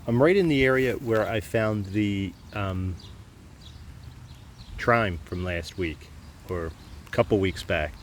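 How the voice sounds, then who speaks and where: Faint outdoor noise sits behind a man with a fairly low voice. He narrates casually like a hobbyist vlogger out in the field. His delivery is a bit tentative, as if thinking aloud. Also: takes it slowly, pauses often. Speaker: metal detecting hobbyist showing finds. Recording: clear outdoor background noise.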